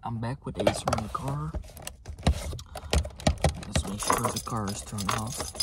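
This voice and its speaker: A non-native English-speaking man in his twenties chatting casually for ASMR, soft-spoken and halting, sometimes slipping into a whisper. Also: on the low side. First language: not English. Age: 20s. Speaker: ASMR video creator. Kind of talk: ASMR, casual rambling chat to camera. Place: inside a parked car with engine off. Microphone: close to camera behind steering wheel. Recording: clicking, tapping and handling noise throughout. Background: loud clicking and tapping.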